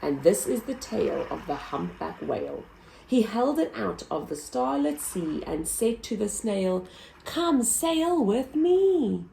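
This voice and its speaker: Woman storybook reader, slow sing-song rhymes, creaky edge to the voice. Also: on the low side, expressive, mellow, slight background noise, low-quality recording. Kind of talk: reading a picture book aloud.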